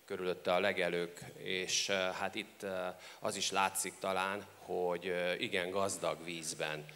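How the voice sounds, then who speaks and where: A man working as a live consecutive interpreter, with a halting delivery. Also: sits low, level tone, pushed and bright. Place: large reverberant hall. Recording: echoey hall with background noise.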